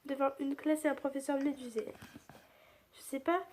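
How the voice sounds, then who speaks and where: High-voiced woman reading a story. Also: little pitch movement, moderate pace, darkish tone, slight background noise. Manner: chatty narration with restarts and asides. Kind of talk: first-person story reading.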